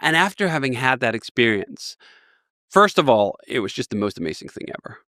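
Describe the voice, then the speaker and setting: Bright-voiced man in his forties. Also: mid-range voice, sing-song, fairly quick, no echo, clean studio sound. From Denmark. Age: 40s. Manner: enthusiastic, rambling storyteller. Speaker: guest. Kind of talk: casual interview talk.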